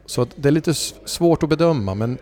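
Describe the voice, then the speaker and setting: A man's voice: fairly high pitch, expressive, mellow. Man talking through a voice-casting interview. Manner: thoughtful, hesitant with fillers and restarts. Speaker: voice agency CEO and voice-over speaker. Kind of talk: conversational interview.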